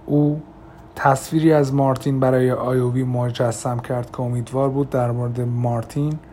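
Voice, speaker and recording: A man narrating an audiobook in a calm, measured reading voice. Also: mid-range voice, a little hiss or hum. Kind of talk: scripted narration.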